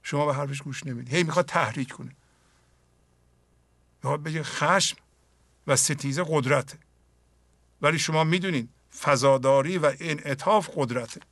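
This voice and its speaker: Bright-voiced man explaining poetry. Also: a little high, long pauses, dry recording. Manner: explains earnestly, drops to a soft voice for imagined inner dialogue. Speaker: host of a spiritual poetry program. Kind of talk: spoken commentary on mystical poetry.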